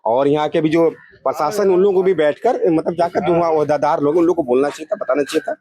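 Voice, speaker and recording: Quick-paced and a little high, with a dark tone, this Indian man speaks as a local resident giving his opinion in a street interview. His appeals are earnest, emphatic, and repeated.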